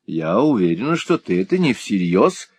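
A man's voice: lowish voice, very animated, normal speed, a little mellow, husky, no echo, clean studio sound. A man voicing a pretty, self-satisfied young woman who talks in a coaxing, giggly way, in a storybook reading.

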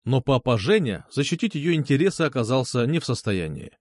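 A man's voice: medium pitch, big pitch swings, fairly quick, a little mellow, dry recording, clean studio sound. A man narrating first-person fiction in a wry, ironic storytelling manner. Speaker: audiobook narrator.

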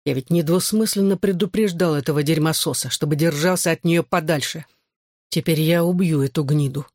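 A man's voice: on the high side, a little fast, dry recording, clean studio sound. A man narrating a first-person novel as an audiobook, in a terse, intense manner.

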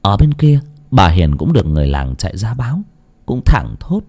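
A man's voice: low voice, sing-song, moderate pace, mellow. A man narrating a ghost story in a dramatic storytelling manner.

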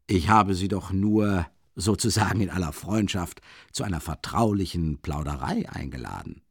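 A man voicing a sly, mocking magistrate, low and teasing. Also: normal speed, a little mellow, husky, no room sound, clean studio sound. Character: sly mocking middle-aged male magistrate.

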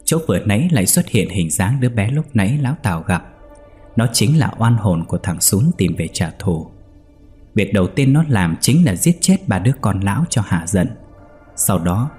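A man narrating a ghost story in a steady, measured way. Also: on the low side.

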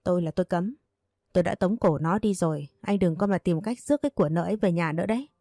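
A woman's voice: fairly low pitch, dry recording, studio quality. A woman voicing a domineering scolding old mother. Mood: scornful. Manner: scolding, fast and sharp-tongued.

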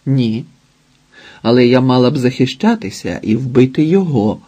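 A man's voice: medium pitch, lively intonation, moderate pace, mellow, husky. A man voicing a stern, weary immortal woman who owns the house, in an audiobook. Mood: grave. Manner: commanding, grave.

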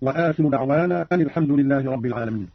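A man's voice: medium pitch, rapid-fire, slightly rough, highs cut off. A man presenting on the radio, formally and precisely explaining recitation variants in scripted narration, on an old radio recording.

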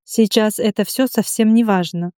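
A woman reading a novel in the first person as an audiobook, steady and even. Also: mid-range voice, moderate pace, clear, resonant tone, no echo, clean studio sound. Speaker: audiobook narrator.

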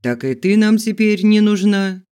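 A man voicing a rough, gruff bandit giving blunt orders in an audiobook. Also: high voice, expressive, slow, a little mellow, voice pushed up.

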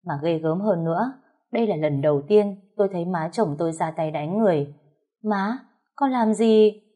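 A woman tells a first-person family story in a dramatic, emotional way. Her voice sits low and mellow, soft at the top. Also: fairly quick.

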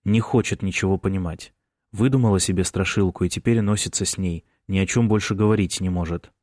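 A man voicing a sullen, irritable young man who talks gruffly through clenched teeth. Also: low voice, a little fast, a little mellow, no room sound, studio quality. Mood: irritated, sullen.

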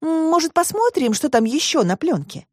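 A gentle, curious mother from a storybook, speaking softly and agreeably. A woman reader voices her close to her own voice. The recording is dry. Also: sits high, very animated, moderate pace, dry recording, voice pushed up. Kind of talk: audiobook reading.

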